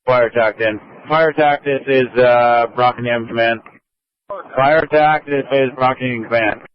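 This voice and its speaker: A fire incident commander speaks on a two-way radio in a mid-range, steady voice at normal speed, giving procedural dispatch traffic and repeating reports back. The transmission is muffled and lo-fi.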